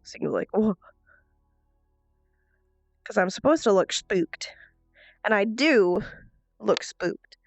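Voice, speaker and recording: A woman's voice: mid-range voice, expressive, measured pace, gravelly, no echo, dull audio, soft background music. A woman with a nasal, stuffed-up whine, chatting casually and expressively on a livestream in a playful, self-mocking way. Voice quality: nasal, congested. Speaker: livestreamer and role-player.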